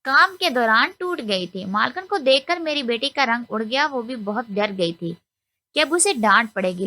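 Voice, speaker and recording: A woman's voice: sits high, sharp tone. A woman narrating a first-person moral story in an earnest, confiding tone.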